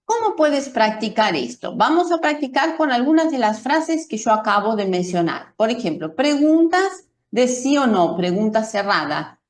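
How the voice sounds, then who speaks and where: A woman teaching a pronunciation lesson, explaining slowly and carefully with spoken demonstrations. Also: fairly high pitch, very animated, echoey room. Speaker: Spanish teacher.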